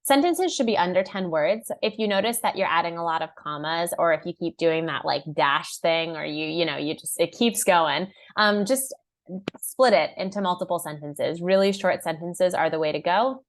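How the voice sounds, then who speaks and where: A young woman leads an online marketing class in a chatty, upbeat way. Her voice sits a little low for a woman, and she jumps up in pitch for quick acted-out asides. She uses a lot of "like" as she talks. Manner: upbeat and conversational, heavy use of "like"; acts out clients' and buyers' lines in a raised voice. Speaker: marketing workshop presenter.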